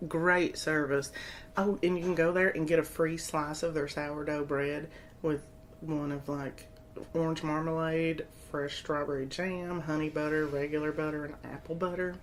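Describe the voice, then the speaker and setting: Low-voiced giggly woman podcast host. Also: little pitch movement, moderate pace, a little hiss or hum. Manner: giggly, joking, crude banter. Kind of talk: casual chat.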